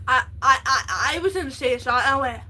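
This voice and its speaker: A woman livestreaming, telling stories in a rambling, excitable, casual way. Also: high voice, fairly quick, breathy edge, rough recording.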